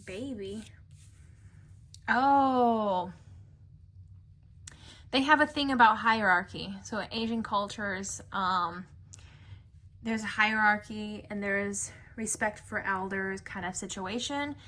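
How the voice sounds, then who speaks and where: A woman's voice: medium pitch, unhurried, bright, forceful tone. A woman giving a casual tarot reading to camera, musing and chatty with many fillers. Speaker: tarot reader. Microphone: camera mic.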